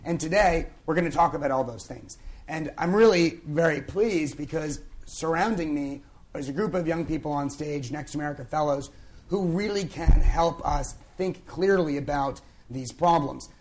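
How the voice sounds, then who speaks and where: A hoarse young man who has lost his voice, opening a conference panel in a conversational way with many fillers. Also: fairly high pitch, moderate pace. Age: young adult. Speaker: panel moderator. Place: conference event on stage.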